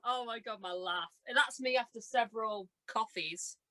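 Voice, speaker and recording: A young adult woman, a stage and radio drama performer, chats casually as a podcast guest, telling anecdotes in an animated, giggly, self-deprecating way. Her voice is fairly high and measured in pace, and she acts out bits of reported dialogue.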